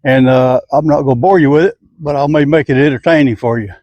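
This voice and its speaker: A man's voice: mid-range voice, fast talker, mellow, no echo, dull audio. An older man, explaining his garden work step by step in a plain-spoken, folksy way while outdoors. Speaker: home gardener. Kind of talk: casual how-to garden vlog.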